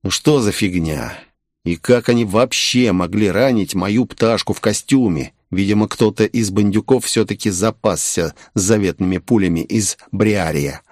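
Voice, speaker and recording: A man's voice: lowish voice, normal speed, darkish tone, no echo, studio quality. A man reading an audiobook in the first person, curt and cold. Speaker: audiobook narrator. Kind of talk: audiobook narration.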